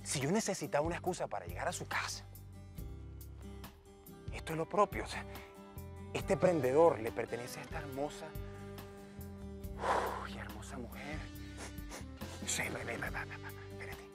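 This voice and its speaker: An actor playing a charming, womanizing young suitor in a telenovela, talking in an excited, scheming way. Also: medium pitch, moderate pace, pauses often, music in the background, natural voice. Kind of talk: telenovela acting.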